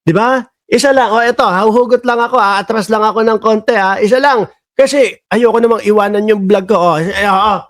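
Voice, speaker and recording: In a casual political vlog, a man mocks and chats, addressing his viewers as bosses and countrymen. His voice is high-pitched, brisk, and somewhat bright.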